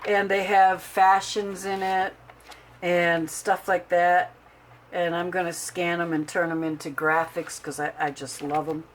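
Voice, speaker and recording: A middle-aged woman hosting a casual crafting vlog, chatting and telling an animated story as she shows her journals. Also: fairly low pitch, measured pace, a little hiss or hum. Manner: animated storyteller who acts out quotes. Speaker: craft video host.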